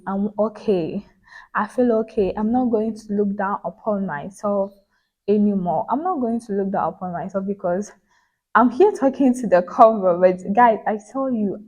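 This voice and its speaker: A woman's voice: mid-range voice, unhurried, a little mellow. Earnest young woman vlogging to her phone. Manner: earnest, repeats phrases for emphasis. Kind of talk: casual reflective vlog monologue. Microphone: phone back camera.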